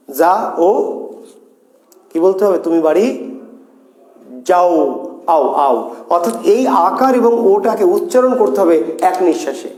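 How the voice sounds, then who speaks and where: A man's voice: high voice, mellow. A man teaching a grammar lesson to exam students. He drills sounds over and over and asks questions that he then answers himself. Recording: echoey room.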